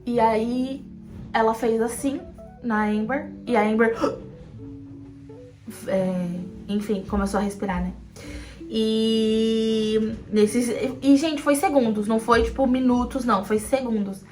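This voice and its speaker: Young Brazilian woman, vlog storyteller; chatty, loops on "e aí", higher pitch, faint music bed. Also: fairly even intonation, slow pace, long pauses, darkish tone. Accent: Brazilian Portuguese. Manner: chatty, repetitive "e aí" storytelling, acts out quoted lines. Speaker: vlogger telling her birth story. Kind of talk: casual storytelling to camera.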